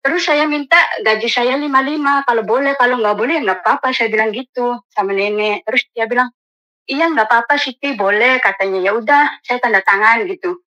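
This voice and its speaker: An Indonesian woman calling in to tell her story as a domestic worker, animated and acting out the people she quotes. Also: a little high, brisk, rough recording. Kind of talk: phone-in story told to an advice host.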